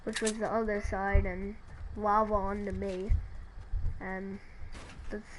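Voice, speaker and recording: Woman narrator, slow hesitant storytelling, faint background noise. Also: mid-range voice, level tone, low-quality recording. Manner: hesitant, halting with restarts. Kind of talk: creepypasta narration.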